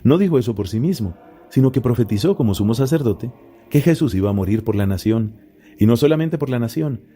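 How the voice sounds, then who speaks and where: A man, a friar, reading the Gospel aloud in a solemn, measured and unhurried way. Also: medium pitch, animated, dark tone. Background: faint Gregorian chant music.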